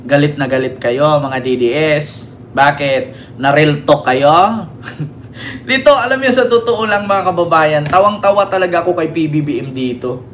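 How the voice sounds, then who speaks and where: A man's voice: fairly high pitch, moderate pace, a bit bright, a little hiss or hum. A man from the Philippines hosting a mocking political commentary stream, taunting his critics, swearing and asking "di ba?" again and again. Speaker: political vlogger and livestream host.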